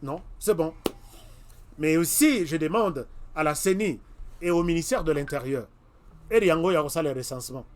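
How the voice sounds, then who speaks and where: Speaking at normal speed in a voice on the high side, this Congolese web TV host addresses his audience directly. His monologue is emphatic commentary packed with repeated warnings.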